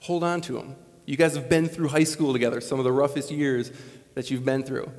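His voice sits at medium pitch and moves briskly. He's a commencement speaker in his late twenties, from Wisconsin, talking earnestly and conversationally while gesturing animatedly on stage in a large school gymnasium, with the lapel mic recording plenty of long reverb.

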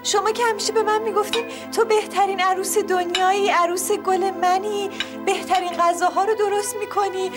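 A whiny, wronged young wife. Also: female voice, extremely high pitch, steady tone. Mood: pleading. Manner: whiny and pleading. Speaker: daughter-in-law. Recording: music under a TV comedy scene.

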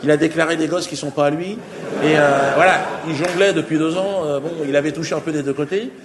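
Rambling stand-up comedian on stage. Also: male voice, fairly high pitch, steady tone, brisk. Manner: rambling, chatty, full of hesitations. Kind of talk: stand-up storytelling. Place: stage in front of a live audience. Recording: live stage recording with audience noise.

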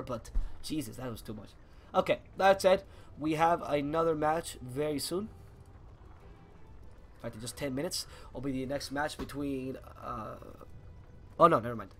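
A man with a raspy, hoarse voice, commentating a live online game match as its caster. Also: a little high, slight background noise. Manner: builds to fast excited shouting during fights. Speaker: esports caster.

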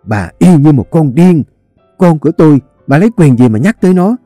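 Fierce young wife, sharp scolding, raised pitch, quick, voiced by a man. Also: animated, no room sound, studio quality, soft background music. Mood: furious. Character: fierce young married woman, quick-tempered.

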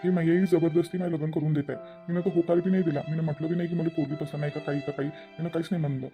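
A man voicing a gentle, lovesick young village man in a cartoon family drama, speaking in a soft, pleading way. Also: fairly high pitch, flat delivery, rapid-fire, lightly acted. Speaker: cartoon character. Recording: muffled with background music.

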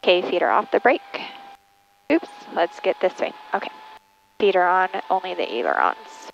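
A woman student pilot talks through each step of her flight lesson from a small plane cockpit. Her voice has a gravelly edge. The headset audio is dull, with faint engine noise behind her. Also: lowish voice, sing-song, normal speed. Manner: thinks aloud, checks each step. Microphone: aviation headset.

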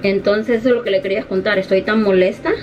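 A woman's voice: medium pitch, steady tone, quick pace, a little mellow, slight background noise. A middle-aged woman vlogger telling an indignant story in casual chat to the camera, often quoting other people. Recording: dull, slightly distant home recording.

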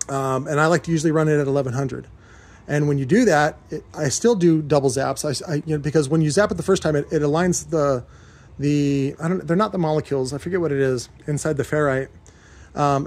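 An American man with a darkish, rather high voice gives an off-the-cuff tour of his cluttered indoor industrial workshop, filming on a handheld camera he holds himself. He rambles informally while explaining his equipment, occasionally swearing.

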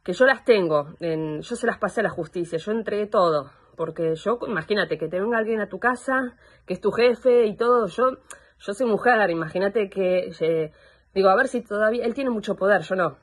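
A young woman with an Argentine accent gives personal testimony over a video call, halting and searching for words. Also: medium pitch, husky. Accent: Argentine Spanish. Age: young adult. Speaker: complainant in a psychological assessment.

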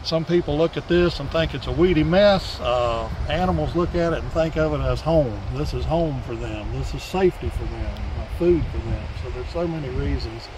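A man's voice: on the high side, normal speed, hardly any pauses. A middle-aged man, a wildlife biologist giving an earnest, emphatic outdoor interview at a forest edge on a lapel mic. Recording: outdoor recording with clear background noise.

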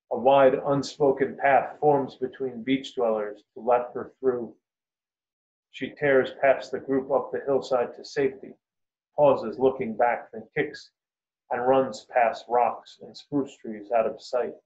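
A man's voice: mid-range voice, a little mellow. Author reading his story aloud. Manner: measured, unhurried. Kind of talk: first-person story reading. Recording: roomy, dull lo-fi recording.

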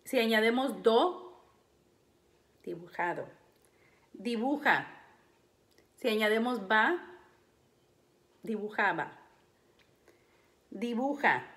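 A woman teaching a phonics lesson to young children, saying words slowly and syllable by syllable, and often clearing her throat. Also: fairly high pitch, lively intonation, a bit bright. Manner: slow, deliberate, syllable-by-syllable delivery.

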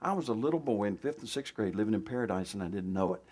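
A man's voice: on the low side, lively intonation, quick pace, darkish tone, breathy edge. A male pastor giving a folksy, conversational sermon in a church, full of restarts and asides. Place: church sanctuary.

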